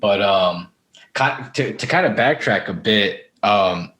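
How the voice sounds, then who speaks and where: Speaking slowly and expressively in a lowish, somewhat bright voice, a podcast host chats informally. His talk drifts through personal anecdotes, peppered with casual swearing, and the recording carries a roomy echo.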